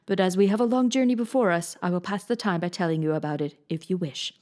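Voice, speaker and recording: A woman voicing the good-humored king of the winged monkeys in a lowered, soft voice in a storybook reading. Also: quick pace, lightly acted.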